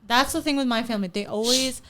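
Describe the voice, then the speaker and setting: A woman chatting as a podcast guest, her voice sitting a touch high. She rambles with lots of fillers and trailing thoughts. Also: fast talker, a bit bright, slight background noise. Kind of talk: casual chat.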